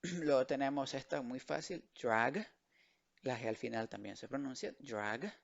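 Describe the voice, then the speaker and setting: A male teacher walks young learners through English vocabulary, repeating each word slowly so they can echo it back. His voice carries a gravelly edge at a middle pitch. The recording is a muffled, lo-fi voice-over. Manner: slow, drilled repetition of words. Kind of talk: bilingual online vocabulary lesson.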